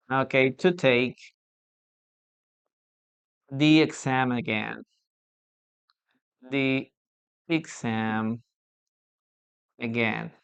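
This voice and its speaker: A teacher from Peru giving a live bilingual English lesson, drilling words slowly and checking in with "okay?" again and again. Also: medium pitch, clean tone, lo-fi sound. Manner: slow drilled pronunciation with frequent "okay?" checks. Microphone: phone or computer mic for a live stream.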